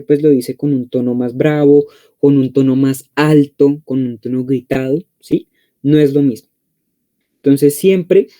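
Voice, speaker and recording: Colombian male tutor, online class, dark mellow tone, chatty, keeps checking if students follow. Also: a little high. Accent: Colombian Spanish. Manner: conversational, frequent check-in questions. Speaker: teacher. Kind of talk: online exam-prep class.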